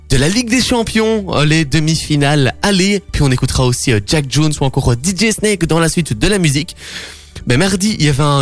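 A man hosting a sports radio show, talking casually with many fillers and frequent laughs. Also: on the high side. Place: radio studio. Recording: radio studio with music underneath.

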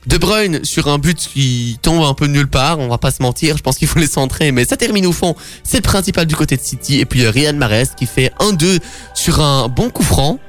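A man's voice: on the high side, lively intonation, a little fast. Chatty male radio sports host. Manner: chatty, laughs often, many fillers. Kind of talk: casual radio sports chat. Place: radio studio. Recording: radio studio with music underneath.

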